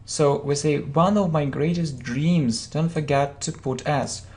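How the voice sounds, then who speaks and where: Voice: medium pitch, a little slow, a little mellow. An English teacher giving a spoken vocabulary and grammar lesson, reading model sentences and then explaining them, often checking in with "yeah?" and "okay?".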